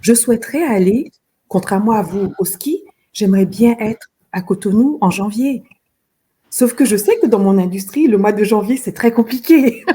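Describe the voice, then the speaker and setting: A middle-aged fashion designer from Benin speaks earnestly in an interview, often repeating words as she searches for the right ones. Her voice is mid-range, husky and dark in tone, at a normal speed.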